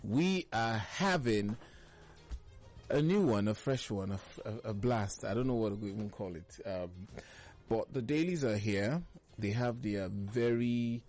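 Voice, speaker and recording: A man hosting a morning radio show, reviewing the newspapers in a smooth, chatty radio host delivery with playful, drawn-out emphasis on a studio microphone. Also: lowish voice, a little mellow, faint music behind.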